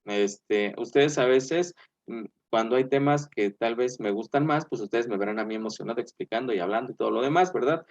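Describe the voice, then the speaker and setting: A male teacher giving an online class in a chatty way, filling pauses with "eh" and "este" and checking in with "¿verdad?". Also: medium pitch, a little mellow, highs cut off.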